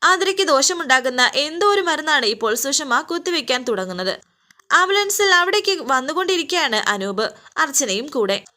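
A woman with a high, bright voice narrates the episode like a story, moving briskly through each scene in present tense. She reads the characters' quoted lines inside her own telling rather than acting them out. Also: sing-song. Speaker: serial episode recap narrator. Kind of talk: storytelling recap of a TV serial.

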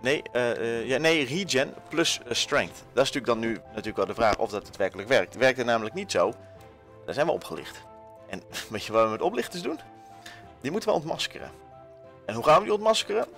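A man's voice: mid-range voice, brisk, soft background music. A young man with a Dutch accent giving casual, jokey gameplay commentary to his viewers, swearing and full of fillers. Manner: energetic, jokey, swears, shouts when panicking; many fillers, talks to viewers. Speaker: gaming YouTuber.

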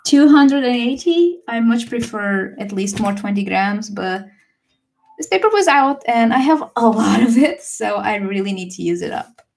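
A young woman livestreaming a watercolor session, chatting casually and relaxed with fillers and small laughs. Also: on the high side, moderate pace, vocal fry. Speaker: watercolor artist streamer. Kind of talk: casual livestream chat while painting.

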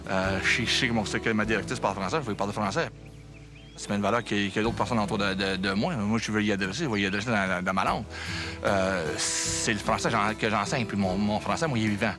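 A man, a teacher, speaks with emphatic conviction and slips in bits of English. His voice sits at a middle pitch. Music plays clearly behind him. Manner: emphatic, mixes in English phrases. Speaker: French teacher. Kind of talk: documentary interview.

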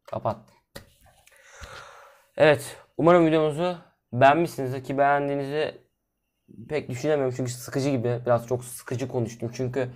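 Guy playing a block game alone, mutters to viewers then blows up yelling and swearing, mid pitch voice. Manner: chatty, drifts between low mumbling and sudden loud outbursts; cursing, exasperated asides to viewers. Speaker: gaming video host. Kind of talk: solo gameplay commentary.

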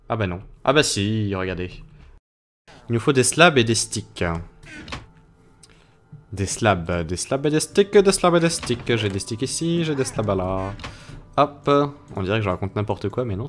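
A young man giving playful let's play commentary on a game, often breaking into high, panicked shouts. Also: slight background noise. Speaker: gaming video host.

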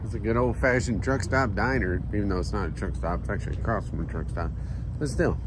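A man with a fairly low voice talks casually, as if filming his own travels. He rambles along and drops wry asides at his own expense. The recording is made on location, with very loud vehicle and outdoor noise around the voice. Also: quick pace. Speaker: travel vlogger. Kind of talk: casual rambling vlog narration.

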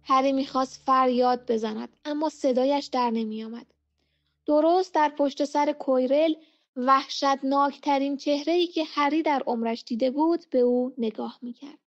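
A woman narrating an audiobook at home in a steady, dramatic storytelling manner. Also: high voice. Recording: muffled lo-fi home recording.

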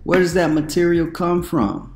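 A man in his thirties, a preacher, giving casual commentary to camera from a room at home, conversational with questioning, animated asides. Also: on the high side, normal speed, reverberant, faint music behind.

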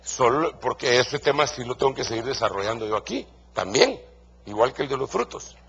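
A man's voice: medium pitch, expressive, brisk, vocal fry, fairly bright tone, husky, dull audio. A man preaching a sermon to pastors in a Guatemalan Spanish accent, stressing his points by repeating key phrases.

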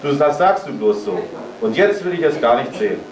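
Man reading as a headstrong little girl, pitched up and eager, far from the mic in an echoing room. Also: very animated, fairly quick, a little mellow, slight background noise, natural voice. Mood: indignant. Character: stubborn excitable little girl. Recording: roomy sound from far off.

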